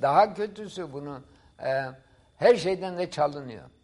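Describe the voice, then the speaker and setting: A middle-aged man speaks as a professor on a discussion program. He talks in a didactic, emphatic manner. His voice sits a little high for a man. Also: lively intonation, moderate pace, darkish tone. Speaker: professor as studio guest. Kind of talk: explanatory talk-show discussion.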